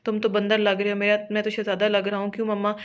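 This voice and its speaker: Brief: woman narrator doing a joking young brother in an audio novel, even tone, lo-fi sound. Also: medium pitch, fast talker, lightly acted. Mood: teasing. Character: playful teasing young man, cheerful brother. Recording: dull lo-fi audio.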